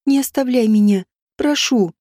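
A woman reading an audiobook voices a grieving young girl who pleads with her mother in a hushed, tearful way. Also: fairly high pitch, moderate pace, dry recording, clean studio sound, close to an everyday voice. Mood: pleading.

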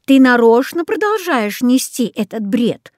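A woman's voice: fairly high pitch, big pitch swings, measured pace, darkish tone, no room sound, studio quality. A woman voicing a stern scolding father. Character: stern strict father, middle-aged man.

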